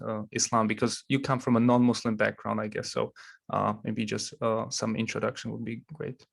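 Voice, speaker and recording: A man hosting an interview, asking relaxed, hesitant questions with many fillers. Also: medium pitch, vocal fry. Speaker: interview host. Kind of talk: casual interview.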